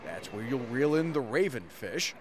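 A man's voice: medium pitch, very animated, moderate pace. An American man narrating a scripted TV news feature as a reporter, in a playful, punning delivery.

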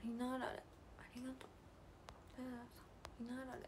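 A young woman with a hosts a relaxed livestream, chatting and giggling over stories and reading out fan comments. Her voice sits a little high. She slips into soft, breathy near-whispers to thank viewers, over a faint hiss behind her. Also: very fast. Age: young adult. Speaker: idol livestream host.

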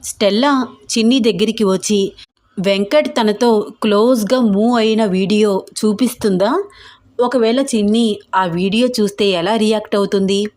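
A woman narrating a serialized audio story in a steady, even way. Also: mid-range voice, moderate pace.

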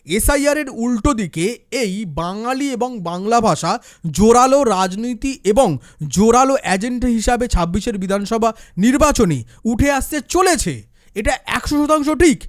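A man with a strikingly high voice delivers a forceful political commentary. He argues his case through rhetorical questions and answers them himself. The recording is close and dry, with no room sound. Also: expressive, measured pace, no echo. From West Bengal, India. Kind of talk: opinion commentary monologue.

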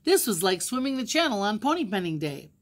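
A woman's voice: mid-range voice, very animated. An older woman reading a novel aloud, stopping now and then to explain the pictures. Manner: plain, pauses to explain pictures. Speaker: storybook reader.

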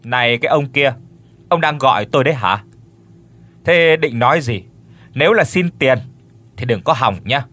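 A man's voice: medium pitch, brisk, hardly any pauses, a bit bright, husky. A man voicing an arrogant, rich old lady who speaks in a haughty, mocking way. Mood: dismissive.

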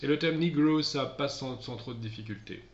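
A man giving a recorded English lesson to his pupils, explaining a text patiently and trailing off softly at the ends of his sentences. His voice sits at a middle pitch. The sound is roomy and a little dull, like a home recording. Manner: reads English passages slowly and clearly, then explains in relaxed French; speaks directly to pupils, often trailing off softly. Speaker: English teacher. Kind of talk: recorded video lesson, commented reading.

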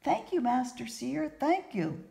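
A woman voicing an eager, hopeful young male carpenter who talks in excited exclamations in a storybook reading. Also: high voice, measured pace, vocal fry, pitched above the performer's own voice, exaggerated voice. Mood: thrilled.

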